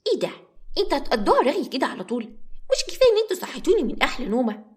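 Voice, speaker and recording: A woman's voice: sits high, sing-song, racing, voice pushed up. A woman voicing a bossy, sassy four-year-old girl in a story reading, cheeky and scolding. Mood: annoyed.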